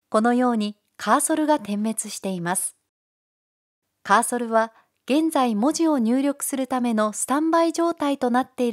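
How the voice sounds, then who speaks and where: Polite woman narrating a screencast. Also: fairly high pitch. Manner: calm, polite step-by-step instruction. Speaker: software tutorial narrator.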